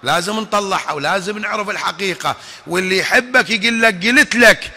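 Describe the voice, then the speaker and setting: A man's voice: high-pitched, fast, bright, forceful tone. A man with an Iraqi accent, preaching a sermon emphatically and asking the audience rhetorical questions. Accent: Iraqi Arabic. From Iraq. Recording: long reverb of a large hall.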